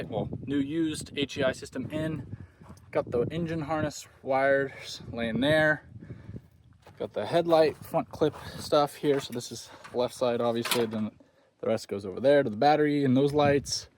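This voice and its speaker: A man talks casually as he works on a car, in an offhand, plain-spoken way. His voice sits at an average pitch. The phone recording is very noisy, with wind all around him. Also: measured pace. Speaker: DIY car restoration vlogger. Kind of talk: casual narration while working. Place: working on a car, windy outdoors. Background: loud wind noise, clicks.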